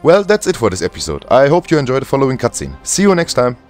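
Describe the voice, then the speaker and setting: A man's voice: medium pitch, wildly swooping pitch, quick pace. A man giving informal, sweary commentary on a video game as a let's play host. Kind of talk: casual gameplay commentary. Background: game music.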